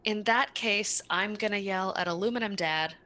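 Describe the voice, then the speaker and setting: A woman's voice: medium pitch, normal speed, bright, forceful tone. A woman player in a tabletop game, joking and a little flustered in casual chat. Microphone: online call mic.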